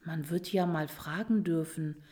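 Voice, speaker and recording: A greedy, scheming rat, as a woman reading a storybook puts it on. It talks slyly and softly, musing over gold, and it takes its time. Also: deep voice, a little slow, pitched below the performer's own voice.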